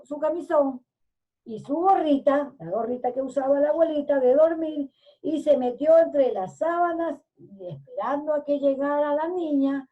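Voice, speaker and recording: A woman teacher with a high, lively voice tells a story to children at a slow pace. She stops often to explain words and checks in with the listeners. The sound is mellow and a little muffled. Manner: explains with frequent "¿no es cierto?" checks.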